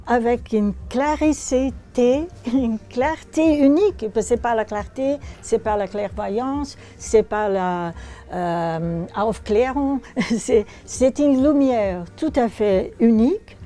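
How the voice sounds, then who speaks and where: A woman's voice: on the high side, slow pace, warm tone, soft background music. A woman, a native Portuguese speaker with a Brazilian accent, speaking reflectively at a bookshop event as the author presenting her book, searching for words and reading passages aloud.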